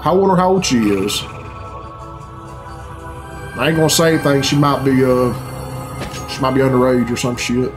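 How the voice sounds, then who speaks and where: Sitting in a small furnished room at home, a man in his thirties hosts a reaction video, his medium-pitched voice moving at normal speed but broken by long pauses. His off-the-cuff remarks are blunt, grumbling, puzzled, and freely profane, while game cutscene music and sound play behind him.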